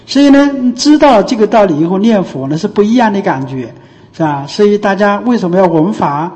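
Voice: medium pitch, expressive, brisk, a little mellow. A Buddhist teacher gives a dharma talk, explaining step by step and often asking rhetorical questions. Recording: long hall reverb.

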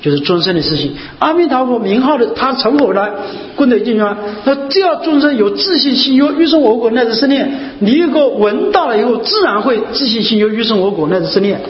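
A Buddhist teacher gives a dharma talk, asking his listeners rhetorical questions and repeating key phrases again and again. His very high voice is very animated and brisk with few pauses, captured in a muffled, echoey hall recording with faint hiss.

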